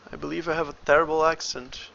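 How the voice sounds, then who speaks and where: Speaking fast and on a level tone, this Brazilian man with a Brazilian Portuguese accent is a game developer thinking aloud during a casual livestream, murmuring through each step. His voice sits a little high, with vocal fry and a pushed, bright quality, while the highs are cut off.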